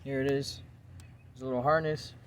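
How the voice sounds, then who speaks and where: A man's voice: mid-range voice, little pitch movement, fairly quick, a little hiss or hum. A man casually narrating a car repair video from inside the car, rambling and thinking aloud with fillers as he works, recorded on a handheld phone.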